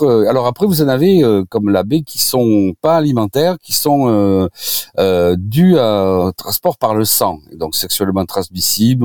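A man speaking as a doctor on a radio show, giving informal health advice in a halting way, often repeating and restarting words. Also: mid-range voice, a little mellow, no room sound, clean studio sound.

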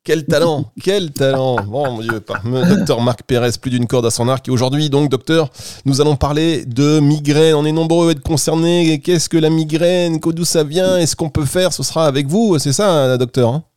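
A man's voice: on the high side, steady tone, normal speed, a little mellow, clear, resonant tone, dry recording, clean studio sound. A man hosting a radio show who interviews his guest in a teasing, jokey way. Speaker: radio host. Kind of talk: casual radio chat.

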